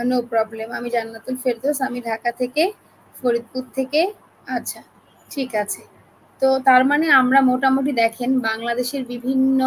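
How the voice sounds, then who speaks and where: A woman with a high voice leads a live online class from her computer mic, speaking gently because of a sore throat. Her tone is chatty and friendly as she greets each participant, and a faint hiss of background noise sits under her voice. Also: rough recording. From Bangladesh. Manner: chatty, friendly, addresses listeners as apu.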